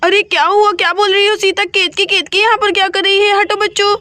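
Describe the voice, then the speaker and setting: A woman's voice: very high voice, little pitch movement, fairly quick, pushed and bright, no echo. A woman voicing a caring young village elder sister who reassures and directs the others in a doll-play story. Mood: reassuring.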